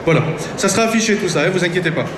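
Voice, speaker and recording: A man's voice: sits high, racing, background noise. A man hosting a live event, making announcements to an audience from a stage. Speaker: event host. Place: large convention hall stage. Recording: echoey PA, music and crowd behind.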